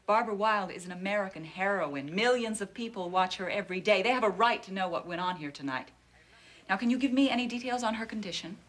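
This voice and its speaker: A woman's voice: medium pitch, quick pace, fairly bright tone, natural voice. A determined young woman reporter, played by an actress in a daytime TV soap, pressing for her story with cool, needling insistence. Her voice sits in an ordinary middle register. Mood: pushy. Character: persistent young woman journalist. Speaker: actor in a TV drama.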